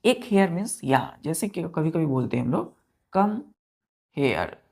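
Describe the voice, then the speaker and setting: A man teaching an English vocabulary lesson to exam students, spelling each word out letter by letter and often checking that it is clear. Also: a little high, animated, a little fast, a little mellow. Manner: spells words letter by letter and keeps asking if it is clear.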